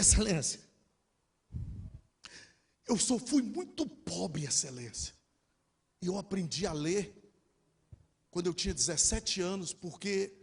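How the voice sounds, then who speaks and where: A man's voice: on the high side, breathy edge. A man preaching a sermon, telling an emotional personal story and quoting the people in it. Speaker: pastor. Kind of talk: sermon testimony.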